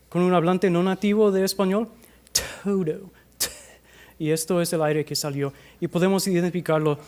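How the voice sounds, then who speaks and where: A man with an American accent gives a conference talk on language teaching, speaking into a microphone in a fairly high voice. He hesitates often between phrases and slows down to demonstrate pronunciation for the audience. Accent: American English. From United States. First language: English. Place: conference hall.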